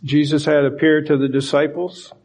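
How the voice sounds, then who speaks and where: A man's voice: a little high, level tone, normal speed, darkish tone. A man preaching a sermon, reading scripture aloud and explaining it with emphasis. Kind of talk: sermon Bible teaching.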